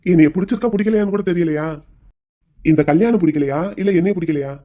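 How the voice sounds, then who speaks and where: A voice actor playing a patient young groom who gently coaxes his bride to open up in a cartoon. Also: mid-range voice, quick pace, natural voice. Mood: coaxing. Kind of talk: Tamil cartoon voice acting.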